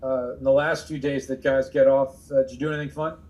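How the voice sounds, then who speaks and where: A man's voice: medium pitch, little pitch movement, quick pace, a little mellow, dull audio. A man asking a friendly, chatty question in an interview.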